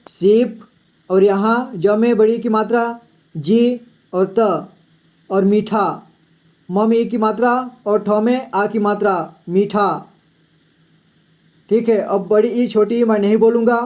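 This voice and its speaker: Slow, patient man teaching reading. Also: high-pitched, darkish tone. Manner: spells words out letter by letter, repeats "ठीक है" often.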